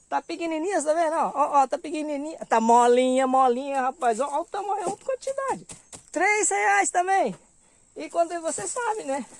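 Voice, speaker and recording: Chatty high-voiced man vlogging. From Brazil. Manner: chatty, laughs often, keeps saying "rapaz" and "ó". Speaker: vlogger showing a roadside vegetable stand. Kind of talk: casual walk-around vlog. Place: outdoors at a roadside stand in hot afternoon sun.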